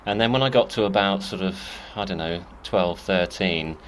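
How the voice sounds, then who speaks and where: A man's voice: low-pitched, normal speed, a little hiss or hum. A man guest in a casual interview, telling rambling, self-deprecating stories with frequent restarts. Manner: chatty storyteller, self-deprecating, many restarts. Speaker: musician guest.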